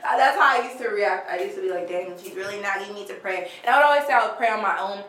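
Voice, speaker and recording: Young woman co-host, animated testimony chat, roomy echo, faint ambience. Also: medium pitch, fast, slight background noise. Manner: animated, filler-heavy testimony with laughs. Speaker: podcast co-host. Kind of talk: casual faith podcast chat. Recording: echoey room with faint ambience.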